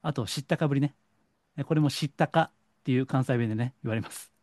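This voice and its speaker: A middle-aged man from Kansai with a Kansai accent, a psychic counselor giving a lecturing solo talk and slowing down to stress points. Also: mid-range voice, dry recording, studio quality. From Kansai, Japan. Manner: lecturing, animated, slows for stress. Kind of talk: solo monologue to camera.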